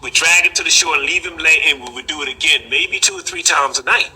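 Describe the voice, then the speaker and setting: An older man telling a personal story in an unhurried, halting way, with frequent pauses and fillers. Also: a little high, sharp tone, husky, poor audio. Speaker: collector recounting a story.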